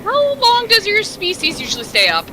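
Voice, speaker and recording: A woman's voice: very high voice, wildly swooping pitch, normal speed, sharp tone, slight background noise, pitched above the performer's own voice, full character voice. A woman playing a blunt, exasperated adventurer. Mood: demanding.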